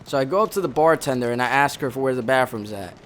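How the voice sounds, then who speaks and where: Chatting over a game, a young former Marine from the Bronx, New York, rambles through a story thick with profanity and frequent self-corrections. He talks fast in a medium-pitched, fairly bright voice, with a little hiss or hum in the audio.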